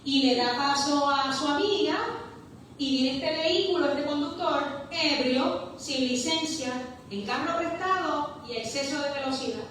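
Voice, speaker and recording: Her voice high-pitched and fairly bright, a woman pastor preaches fervently, lingering on the words she wants to stress. The clip comes from an echoey church hall, captured from far away with slight background noise.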